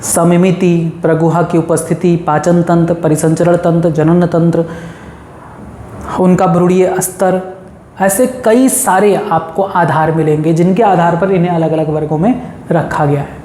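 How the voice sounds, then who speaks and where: A woman's voice: fairly low pitch, fairly even intonation, a little slow, dark tone, a little hiss or hum. A woman teaching a biology lesson, drilling lists of terms and repeating lines so students memorize them. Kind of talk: classroom lesson. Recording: roomy echo.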